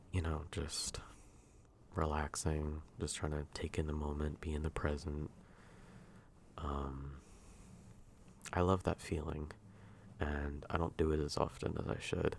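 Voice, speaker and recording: A man speaking softly and intimately, close in a soft voice, in a drifting, hesitant ASMR ASMR role-play ramble. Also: rumbling low, vocal fry, a little hiss or hum. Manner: hushed, intimate, near-soft voice at times.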